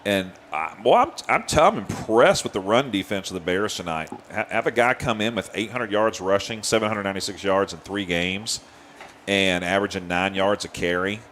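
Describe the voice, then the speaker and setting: A man calling high school football play by play, winded, laughing and chatty. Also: normal speed, a little hiss or hum. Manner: excitable, laughs often, chatty. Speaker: play-by-play announcer.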